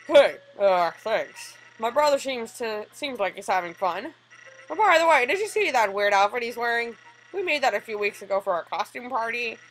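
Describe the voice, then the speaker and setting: A woman's voice: fairly high pitch, lively intonation, normal speed, fairly bright tone, soft background music, pitched above the performer's own voice, low-quality recording. Woman doing a lazy, joking game skeleton. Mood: easygoing. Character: lazy laid-back joking skeleton man.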